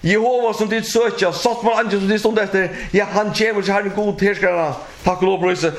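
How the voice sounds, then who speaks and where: A man preaching a sermon and reading scripture, halting with many fillers and drawing call-and-response from listeners. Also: high voice, fairly even intonation. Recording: echoey room.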